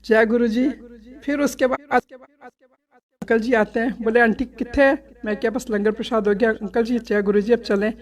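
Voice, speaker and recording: A middle-aged woman telling a devotional story from a satsang visit, animated and laughing, acting out many quoted exchanges. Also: a little high, moderate pace. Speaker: devotee sharing a satsang experience. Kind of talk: storytelling testimony.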